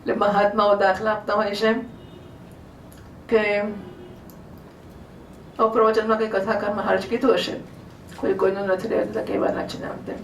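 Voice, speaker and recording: A woman's voice: mid-range voice, level tone, moderate pace, pauses often, a little hiss or hum. A woman giving a devotional scripture discourse in a conversational way, often asking the audience questions. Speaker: religious storyteller. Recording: roomy hall, distant mic, faint ambience.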